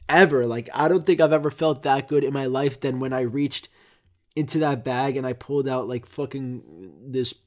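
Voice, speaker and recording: A man hosting a podcast, telling childhood stories in a rambling, profane, self-interrupting way. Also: medium pitch. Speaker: podcast host. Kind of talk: casual comedic monologue.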